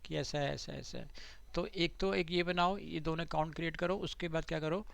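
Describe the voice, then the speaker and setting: A man's voice: on the high side, fairly even intonation, fairly quick, gravelly, fairly bright tone, dry recording. A man teaching a live online digital marketing class, chatty and checking in often with his students. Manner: conversational, repeats "theek hai" to check students follow.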